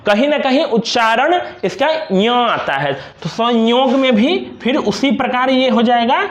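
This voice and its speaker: A young man teaching a grammar lesson, slowly and patiently repeating each example word. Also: very high voice, lively intonation, roomy sound. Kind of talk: classroom lesson explaining examples on a board.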